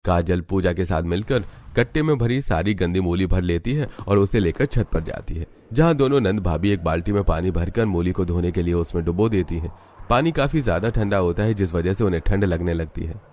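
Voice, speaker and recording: A man narrating a cartoon family story in an even, storytelling way. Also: low voice, fairly quick.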